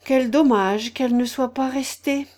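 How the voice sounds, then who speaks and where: A woman's voice: medium pitch, expressive, a little slow, darkish tone, lightly acted. A woman voicing a courteous, curious lory bird. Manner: sighing, courteous.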